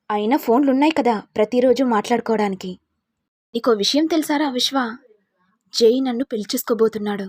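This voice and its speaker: A woman's voice: a little high, husky, no echo, studio quality. A woman voicing a dutiful young female student who speaks earnestly and respectfully. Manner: earnest, respectful, excited chatter.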